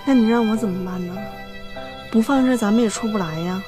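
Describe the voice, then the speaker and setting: A woman's voice: medium pitch, fast talker, music in the background, close to an everyday voice. An actress playing a defiant young mother and daughter-in-law, talking back. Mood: worried.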